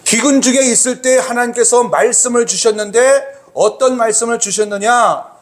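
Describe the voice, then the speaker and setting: High-voiced male pastor preaching emphatically. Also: normal speed. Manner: emphatic, repeats key phrases. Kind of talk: sermon.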